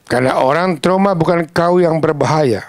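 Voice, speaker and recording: A man preaching a sermon, telling stories in a lively, casual, slangy way and acting out the voices of the people in them. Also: on the high side, normal speed, dry recording. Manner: animated, acts out quoted voices.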